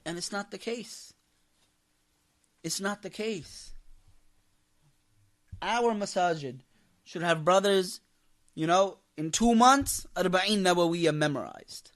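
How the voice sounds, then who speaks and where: A man with a high, fairly bright voice speaks slowly, leaving long pauses. Acting as an imam, he delivers an impassioned religious lecture to a congregation, stressing points, repeating key phrases and posing rhetorical questions.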